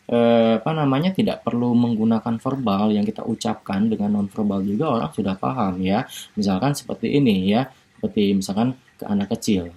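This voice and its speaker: A male university lecturer giving a recorded online lecture, explaining slowly with many fillers and tag questions. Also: medium pitch, dark tone.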